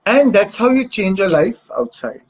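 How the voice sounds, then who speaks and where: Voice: mid-range voice, big pitch swings, moderate pace, husky. A spiritual coach with an Indian accent, teaching in an emphatic, repetitive way with rhetorical questions.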